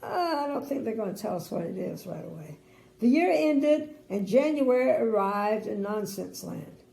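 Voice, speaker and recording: An older woman, a sweet grandmotherly storyteller with a creaky voice, reads a bedtime story expressively and adds chatty asides. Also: medium pitch, expressive, normal speed, warm tone. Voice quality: creaky, gravelly. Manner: sweet old lady, grandmotherly. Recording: roomy indoor echo.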